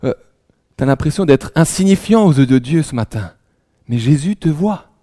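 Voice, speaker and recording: Male preacher raised in France, mellow dark tone, dry close sound, intimate sermon delivery. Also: fairly high pitch, animated, normal speed, dry recording. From France, raised in Alsace. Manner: drops to a hushed near-whisper for emphasis; many restarts, conversational storytelling.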